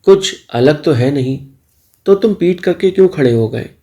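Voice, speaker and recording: A man's voice: on the high side, animated, moderate pace, mellow, voice pushed up. A man voicing a shy young man who lives alone, in a storybook, talking in a flustered, protesting way. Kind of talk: storybook dialogue.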